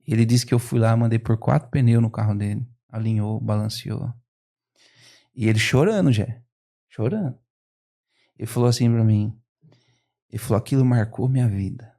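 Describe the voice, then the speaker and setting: A man, a guest on a podcast, retelling a story with lively quoted dialogue. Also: lowish voice, normal speed, gravelly, pauses often. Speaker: business owner guest.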